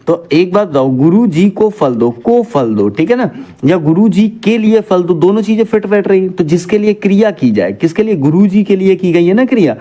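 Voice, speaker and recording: A man's voice: sits high, dark tone. A man teaching an exam-prep lesson, asking his students questions and answering them himself.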